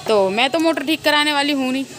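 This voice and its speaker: A woman's voice: high-pitched, fast talker, fairly bright tone, soft background music. A woman vlogging to her viewers outdoors, gloating and laughing often as she talks. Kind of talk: casual vlog monologue. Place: outdoors, open weather around.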